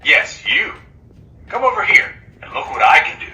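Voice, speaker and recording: A man voicing a chatty talking skeleton toy that pitches its own features playfully, played through the toy's speaker. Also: big pitch swings, normal speed, bright, forceful tone, recorded from a distance, muffled recording, full character voice. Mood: teasing. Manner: playful, teasing sales pitch. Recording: echoey room, heard from across it.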